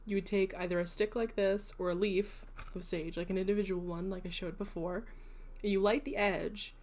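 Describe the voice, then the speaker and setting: A woman's voice: mid-range voice, little pitch movement, normal speed, darkish tone. A woman hosting a casual livestream, explaining at length to her viewers in a chatty, rambling way, with self-deprecating asides. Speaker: livestream host.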